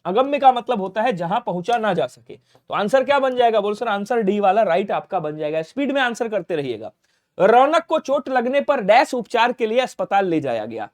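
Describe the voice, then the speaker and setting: A high-pitched male teacher drilling exam grammar questions at a brisk clip. He asks each question and answers it himself in the same breath, and he drops his voice low for quick reminders. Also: big pitch swings. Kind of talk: exam-prep grammar lesson.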